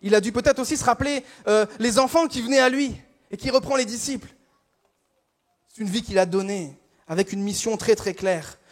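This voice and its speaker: A young man from France preaching a sermon, telling stories in a lively, self-mocking way with frequent restarts. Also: high voice, fairly quick.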